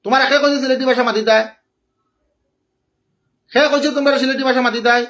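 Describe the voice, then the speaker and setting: Speaking fast in a very high, steady, somewhat bright voice, a Sylheti-accented man from Assam's Barak Valley delivers an angry rant over a phone live stream. He greets viewers by name while indignantly scolding the one he's answering.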